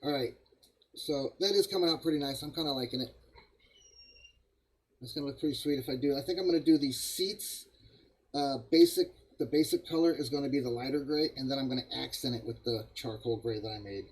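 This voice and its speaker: A man's voice: medium pitch, brisk, slight background noise, rough recording. An older man hosting a live model-building stream, rambling casually to viewers and chuckling at himself. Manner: rambling, self-deprecating, chuckles often, talks to viewers as guys.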